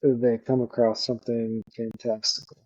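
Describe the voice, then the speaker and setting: A middle-aged man hosting a solo podcast, talking haltingly with fillers. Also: mid-range voice, level tone, a little mellow, no room sound, muffled recording. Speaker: podcast host.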